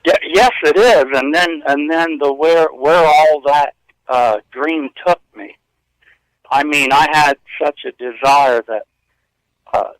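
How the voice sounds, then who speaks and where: A man's voice: mid-range voice, fairly bright tone, clear, resonant tone, no room sound, low-quality recording. A man in his fifties telling stories as a radio interview guest, earnest and rambling with frequent chuckles. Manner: earnest, rambling storyteller who chuckles often. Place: hotel room.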